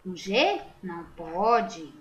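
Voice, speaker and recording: Her voice is lowish, with big swings in pitch, and she speaks extremely slowly; the highs in the recording are cut off. She is a Brazilian teacher with a Brazilian Portuguese accent, patiently correcting a school exam and checking answers aloud by posing rhetorical questions and answering them herself.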